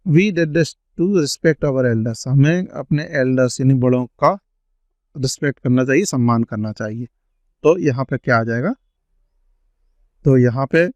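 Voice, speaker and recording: A man's voice: mid-range voice, darkish tone, no room sound. Man teaching grammar, dry lo-fi. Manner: slow, drawn-out reading of example sentences. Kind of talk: grammar lesson explanation. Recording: dry, dull lo-fi sound.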